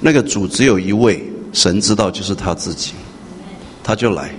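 A male pastor preaching a sermon, swinging from hushed to loud and questioning his congregation. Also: lowish voice, lively intonation, moderate pace, slightly rough. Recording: echoey hall with faint noise.

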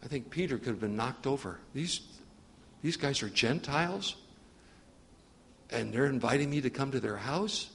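A man's voice: medium pitch, lively intonation, normal speed, vocal fry, pauses often, in a large hall, slight background noise. A male preacher reading scripture aloud and retelling it with his own asides in a sermon. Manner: reads scripture, then acts it out with asides.

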